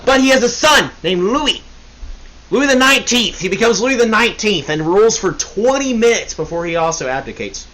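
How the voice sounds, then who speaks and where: A man's voice: high voice, lively intonation, normal speed, bright, forceful tone, rough recording. A young man hosting a casual history podcast, rambling and joking, often correcting himself. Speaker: podcast host. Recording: faint hiss.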